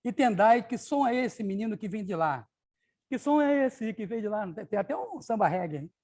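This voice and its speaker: High-voiced male capoeira storyteller. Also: expressive, normal speed, darkish tone. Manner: explanatory, audience-addressing. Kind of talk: children's story reading with asides.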